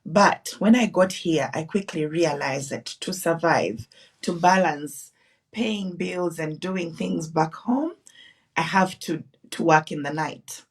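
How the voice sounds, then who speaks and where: A woman's voice: sits low, slow, slightly rough, recorded from a distance. A woman from Uganda in her thirties, telling her story earnestly as an interview guest, with restarts and repeats. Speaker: guest, nurse and business owner. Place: online live broadcast.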